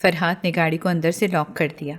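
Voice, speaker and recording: A woman narrating a romance novel in a steady, expressive reading voice. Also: on the low side. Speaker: audiobook narrator. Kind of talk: storybook narration.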